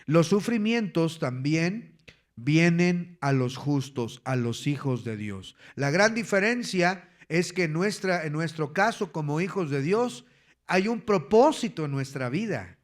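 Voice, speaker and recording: Slow, deliberate Ecuadorian pastor teaching. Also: male voice, a little high, animated. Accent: Ecuadorian Spanish. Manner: teaching slowly, dictating numbered points for notes. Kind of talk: sermon.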